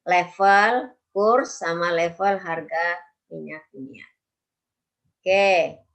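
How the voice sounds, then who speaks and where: A woman lecturer teaching a university statistics class, often stopping to ask students questions and telling them to write things down. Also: lowish voice. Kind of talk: university lecture on time series.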